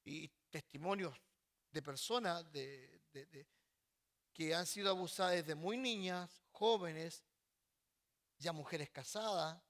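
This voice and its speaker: A man pastor preaching a sermon, often repeating words and pausing mid-sentence before stressing his points. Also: sits high, a bit bright. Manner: halting, repeats words while searching, then stresses points.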